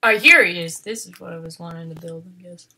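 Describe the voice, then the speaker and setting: A woman giving casual game commentary, swinging from panicked shrieks and swearing to low muttering. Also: brisk, bright, forceful tone. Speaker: gaming video host.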